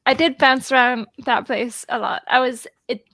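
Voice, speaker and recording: Woman, gravelly voice, dry sound, excitable, rambling casual chat on a video call. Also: sits high, moderate pace, dry recording. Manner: excitable, rambling, lots of fillers. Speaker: guest on a group video chat.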